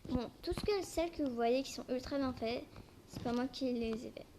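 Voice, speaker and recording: Young female amateur gameplay presenter, highish voice, speech affected by braces, hesitant casual delivery, clearly noisy home recording. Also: moderate pace. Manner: talks with braces, slightly impeded articulation. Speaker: amateur video creator. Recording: noisy homemade recording with clicks.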